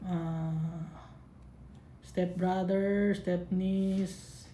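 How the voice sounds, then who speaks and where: A woman's voice: on the low side, flat delivery, very slow, dark tone, a little hiss or hum. A woman teaching a casual Bible study in mixed Tagalog and English, chatty and scolding, laughing often. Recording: echoey room.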